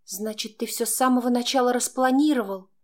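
A woman voicing a frightened, furious young woman who is cornered, speaking in shrill, hysterical bursts. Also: brisk, lightly acted. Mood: distraught.

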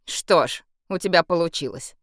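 A cold, possessive emperor gives orders in a commanding tone, as a woman reader plays him. The delivery has a lively intonation and a dry, close audiobook sound. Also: on the low side, normal speed, no room sound. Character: cold, possessive male emperor with a beastly temper. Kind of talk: audiobook character voice.

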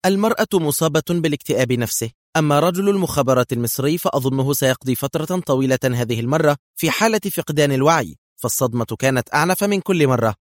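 A cool, composed young woman spy from an audio thriller, voiced by a male narrator. She speaks calmly and plainly in a raised, lighter tone. The sound is dry and close, with no room around it. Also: a little high, fast, few pauses, no echo, voice pushed up, close to an everyday voice. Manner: calm, matter-of-fact.

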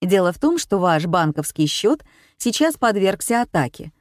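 A woman's voice: mid-range voice, sing-song, moderate pace, dry recording, lightly acted. Brief: a firm, urgent caller claiming to be the bank, read by a woman in an audiobook, dry sound. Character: pushy, official-sounding bank caller on the phone. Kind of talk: audiobook character reading.

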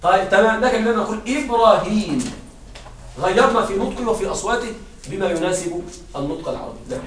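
A man's voice: high voice, animated, quick pace. A male teacher giving a classroom grammar lesson, often quizzing his students and restarting words as he explains. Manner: questioning students, repeats and restarts. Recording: roomy classroom sound from far off.

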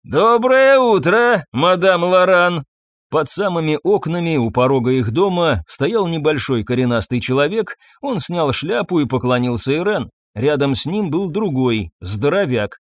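Male audiobook narrator, lively animated delivery, dry close sound. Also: a little high, normal speed, few pauses, dry recording. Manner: expressive, dramatic reading.

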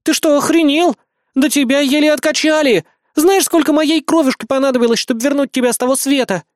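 A man reading an audiobook and voicing a brash, sharp-tongued young woman who scolds and mocks. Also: very high voice, big pitch swings, normal speed, no echo, pitched above the performer's own voice. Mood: indignant. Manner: scolding and mocking.

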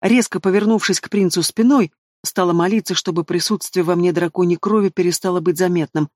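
A man's voice: sits high, steady tone, a little fast, no echo, studio quality. A man narrating a fantasy audiobook in the first person, reading expressively and speaking the heroine's lines himself.

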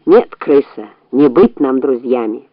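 A woman's voice: extremely low pitch, lively intonation, a little slow, dry recording, highs cut off, pitched below the performer's own voice, full character voice. A woman voicing a stern, blunt farmer, master of the house, in a storybook reading, speaking firmly and scolding. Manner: firm, scolding.

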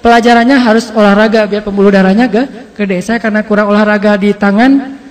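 High-voiced guy preaching, chatty and animated, long echo like a hall. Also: fairly quick. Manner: animated, conversational, acts out quotes. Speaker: Islamic preacher. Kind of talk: storytelling sermon.

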